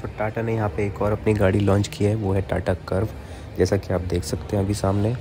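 A man calmly explaining car features and specs during a casual walkaround at an indoor auto show, recorded on a handheld phone. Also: fairly low pitch, a little fast. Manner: calm, explanatory, gives specs. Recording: steady background noise.

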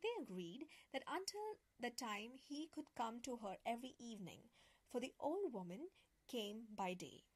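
Soft-spoken woman reading a bedtime story. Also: fairly high pitch, very animated, normal speed, breathy edge. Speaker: storyteller host.

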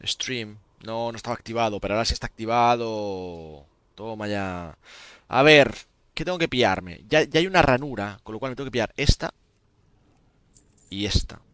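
A man's voice: on the low side, expressive, normal speed, fairly bright tone, clean tone, no room sound. A young man from Spain with a Spanish accent, streaming games live and chatting casually with viewers, sounding tired. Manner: chatty, addresses viewers as tío and gente. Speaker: game streamer.

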